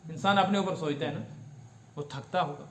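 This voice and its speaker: بلند آواز، گونجتا ہوا کشمیری لہجے والا بزرگ مفتی. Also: male voice, on the high side, fairly bright tone, reverberant. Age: older. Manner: explanatory, asks the audience questions and repeats Arabic words slowly. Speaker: mufti teaching Quran commentary. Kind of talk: religious lesson.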